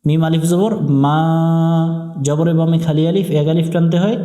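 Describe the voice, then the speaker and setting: Man teaching Quran recitation, slow and echoey. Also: fairly high pitch, fairly even intonation, warm tone. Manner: spells out letters and vowel marks slowly, then chants the verse in a drawn-out melody. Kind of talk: step-by-step recitation lesson.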